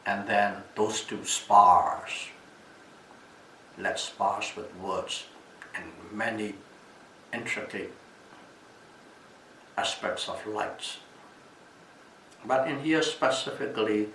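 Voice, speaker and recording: A man with a Burmese accent giving a Buddhist talk as a teacher, telling stories in a deliberate, halting way and repeating phrases for emphasis. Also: on the low side, sharp tone. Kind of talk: dhamma talk with storytelling. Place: echoey room at a retreat. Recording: distant mic, echoey room, background hiss.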